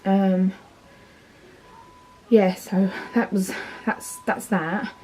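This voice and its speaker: Pregnant woman in her thirties, essex accent, tired, rambling chatty vlog talk, mellow tone, faint background hum. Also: mid-range voice, fairly even intonation, drawn-out words, low-quality recording. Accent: Essex English. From England. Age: 30s. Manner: chatty, rambling with many fillers and restarts. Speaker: vlogger. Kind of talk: casual pregnancy update.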